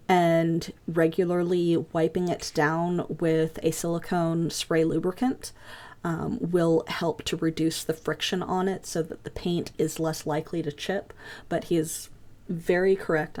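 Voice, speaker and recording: A woman teaching a hobby craft class over voice chat, talking fast with frequent ums and uhs. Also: on the low side, mellow. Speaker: instructor. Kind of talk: online class lecture. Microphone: home computer mic on a voice chat.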